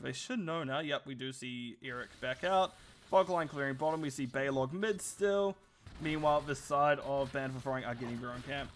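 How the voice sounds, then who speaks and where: A man casting a live esports match, excitable and chatty, with quick laughs between his play-by-play calls. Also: medium pitch, a little hiss or hum. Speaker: esports caster.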